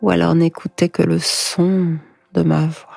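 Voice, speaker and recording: A woman guiding sleep hypnosis in a hushed, breathy, soothing voice, slow and whispered right in the listener's ear. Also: on the low side, little pitch movement. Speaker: hypnosis guide. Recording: echoing voice over music. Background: music.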